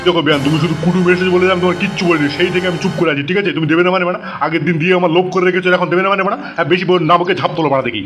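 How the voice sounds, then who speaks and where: A man's voice: sits high, steady tone, racing, few pauses, music in the background, close to an everyday voice. A man playing a brash, pushy middle-aged man in a comic audio drama, hot-tempered and full of threats. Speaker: the daughter-in-law's father, a co-in-law.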